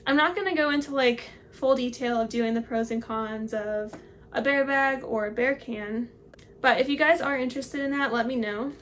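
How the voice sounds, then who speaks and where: A hiking vlogger in her twenties chats casually to the camera from a small home office, holding up each piece of her hiking gear and explaining it. Her voice is a little high and fairly bright, at normal speed, with slight background noise.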